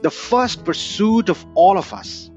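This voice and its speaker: A man's voice: high voice, sing-song, a little mellow. Guy from nepal giving an earnest talk, dull lo-fi sound, faint guitar behind. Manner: earnest, measured, says "right?" often. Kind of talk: reflective talk.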